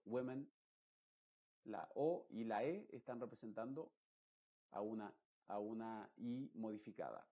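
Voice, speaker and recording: A man, teaching English pronunciation in an explanatory lesson and repeating example words slowly and carefully. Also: mid-range voice, warm tone. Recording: dull lo-fi recording.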